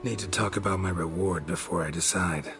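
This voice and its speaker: Brief: a man playing a gruff game monster hunter, low voice, few words. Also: steady tone, fairly quick, over music. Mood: dry. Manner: clipped, dry, few words. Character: terse, weary male monster hunter for hire. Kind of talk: fan dub of a video game.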